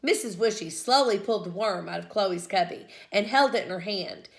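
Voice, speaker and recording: A woman teacher reading a children's book aloud with expressive storytelling. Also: medium pitch, normal speed, gravelly.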